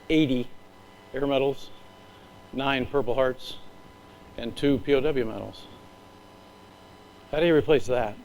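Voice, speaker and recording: A middle-aged man, an Air Force leader, gives an earnest, emotional speech from slides with measured pauses. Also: medium pitch, a little hiss or hum, poor audio.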